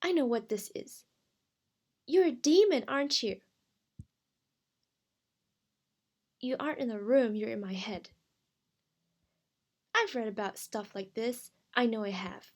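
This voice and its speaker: Girl doing a high shrill bratty witch, all huffy and defensive, reading a game. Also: moderate pace, lightly acted. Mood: defiant. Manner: shrill, indignant protests. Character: haughty insecure young witch girl, defensive.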